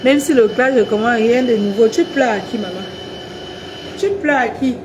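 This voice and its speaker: A woman's voice: a little high, normal speed, dull audio, background noise. A woman on a casual livestream, taunting her rivals with repeated rhetorical questions. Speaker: social media livestreamer.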